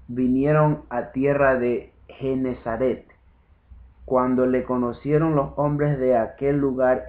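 Man reading bible chapter, slow and careful, tinny phone sound. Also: medium pitch. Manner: slow, measured reading with verse numbers. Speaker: scripture reader.

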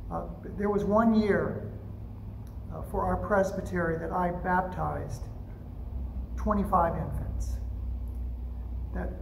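Older male pastor, higher gravelly voice, gentle pause-filled sermon, roomy church echo. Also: a little hiss or hum. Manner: gentle, unhurried storytelling with frequent "uh" pauses. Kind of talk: storytelling sermon. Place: church sanctuary at a pulpit. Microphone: pulpit microphone. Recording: echoey sanctuary with faint ambience.

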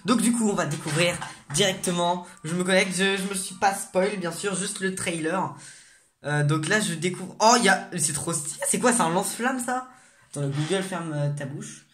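Excitable gamer reacting out loud. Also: mid-range voice, moderate pace, a little hiss or hum. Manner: excitable, reads menu text aloud. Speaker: gaming video host. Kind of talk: casual gameplay commentary.

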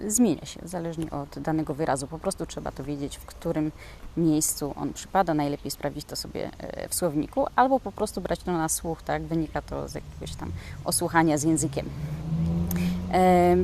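Lowish-voiced woman giving a hesitant lesson. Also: moderate pace, creaky, dark tone, slight background noise. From Poland. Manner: hesitant, with many filler sounds. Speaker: Croatian language teacher. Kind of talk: casual spoken lesson.

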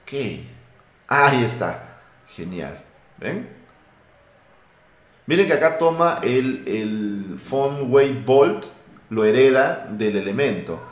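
A man teaching a live coding lesson, talking lively and thinking aloud while he types. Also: medium pitch, slow, long pauses. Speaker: web development instructor. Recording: roomy echo.

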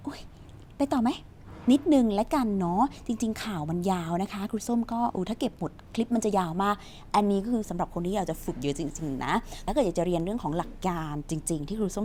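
A woman's voice: lowish voice, a little mellow. Lady english teacher, playful and chatty, quizzing viewers, bit of faint noise. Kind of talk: teaching English by reading a news story.

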